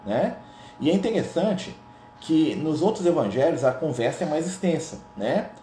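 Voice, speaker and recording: A man's voice: on the high side, sing-song, moderate pace, mellow, a little hiss or hum. A man with a Brazilian Portuguese accent leading a gospel study in a conversational way, often ending his phrases with tag questions. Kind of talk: informal spiritual teaching. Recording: roomy echo.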